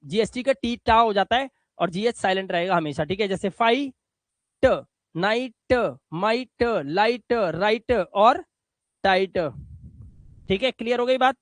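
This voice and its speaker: High-voiced patient English teacher. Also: male voice, dry recording. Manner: patient, repeats words slowly with examples. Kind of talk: classroom lesson on reading rules.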